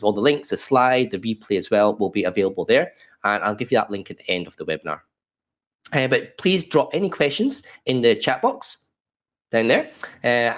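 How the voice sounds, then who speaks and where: Sitting in a desk chair in his home office, an Australian man in his fifties hosts a live webinar through a webcam video call. His mid-range voice is slightly croaky from a cold, and his delivery is relaxed and friendly, peppered with fillers.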